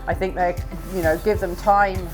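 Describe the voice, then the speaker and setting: Speaking in a lowish voice, a middle-aged woman who grew up in Scotland and rides in eventing gives a filmed interview. She stays relaxed and considered, with frequent pauses and fillers, while faint music plays behind her.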